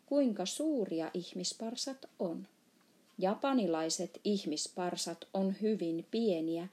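A woman's voice: fairly high pitch, dark tone, pitched above the performer's own voice, natural voice. A woman voicing a big friendly male giant in a storybook reading, playfully mangling his words.

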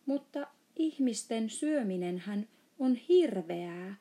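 Woman doing a curious little girl, earnest questions, mellow voice, storybook reading. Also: medium pitch, expressive, close to an everyday voice.

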